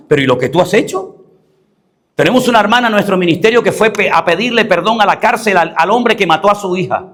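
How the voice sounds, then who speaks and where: A man's voice: high-pitched, fairly bright tone. A male pastor preaching to a congregation in church. He is emphatic and confrontational, asks rhetorical questions, and tells humorous personal stories. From Venezuela and the Canary Islands. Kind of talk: live sermon.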